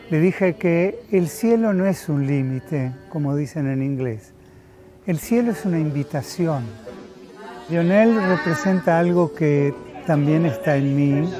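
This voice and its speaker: Brief: man, seventies, unhurried, reflective testimony, mellow voice, soft music underneath. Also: fairly high pitch. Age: 70s. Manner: slow, thoughtful, pausing often with filler sounds. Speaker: interviewee.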